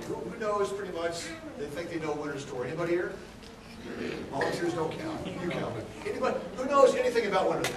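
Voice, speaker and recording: Over a noisy background, a high-pitched Texan man speaks as an aquarium chief, joking casually with a crowd and frequently quizzing them. It was captured from far off in an echoey hall, a large indoor room full of listeners.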